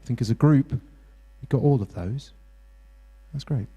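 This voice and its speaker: In a university hall, a British man facilitates an interactive mental health workshop, encouraging participants while his speech halts with many restarts. His mid-range voice has a breathy edge, and the sound is lo-fi.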